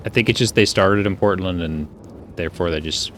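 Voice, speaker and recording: A man's voice: low voice, brisk, noisy background. A young man streaming a game from a home room, rambling casually with lots of filler words into a desk mic. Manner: rambling, filler-heavy musing. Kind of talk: casual gameplay commentary.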